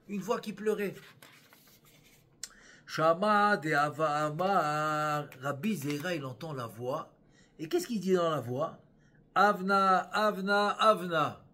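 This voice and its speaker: A rabbi teaching a Kabbalah lesson. He reads the Aramaic text slowly in a sing-song, then explains it with many repetitions and restarts. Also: a little high. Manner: repeats phrases and restarts while explaining.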